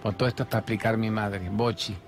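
Argentine male host in his fifties, spiritual monologue, lively and questioning delivery, soft music underneath. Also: lowish voice, fast talker. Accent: Argentine Spanish. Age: 50s. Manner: animated storyteller, rhetorical questions. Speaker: host of a spiritual talk show.

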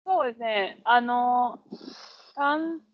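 Female podcast co-host, Kansai accent, fairly high voice, casual chat, dry but slightly dull recording. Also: slow, no room sound. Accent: Kansai Japanese. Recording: dull, lo-fi audio.

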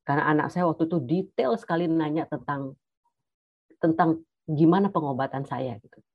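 A middle-aged woman giving a personal testimony as a cancer survivor, hesitant, with many pauses and fillers. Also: low voice, husky, no echo, highs cut off. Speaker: cancer survivor sharing her story.

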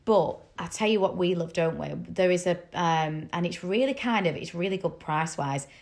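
A woman's voice: on the low side, normal speed, a little mellow. A woman in her own voice, a wedding makeup artist co-hosting a podcast, chatting with enthusiasm and drawing her co-host in. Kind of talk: casual podcast chat.

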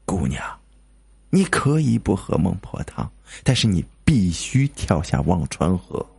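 A man voicing Meng Po, a weary old woman of the underworld who offers the soup of forgetting, in a hoarse, low and slow storybook voice. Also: sing-song, darkish tone, dry recording, heavily acted. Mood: solemn. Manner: slow, solemn, coaxing.

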